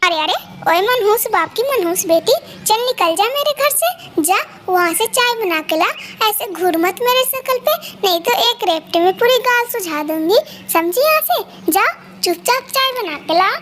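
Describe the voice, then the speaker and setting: A woman's voice: very high voice, moderate pace. A woman voicing a spiteful, greedy female crow mother-in-law in a cartoon, harsh and scolding. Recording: steady background noise.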